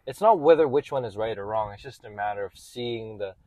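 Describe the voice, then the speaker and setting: A man's voice: on the low side, lively intonation, a little fast, mellow, no room sound. Earnest young man, dry phone recording. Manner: earnest, hedging, repeats words. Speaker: co-host. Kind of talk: casual chat.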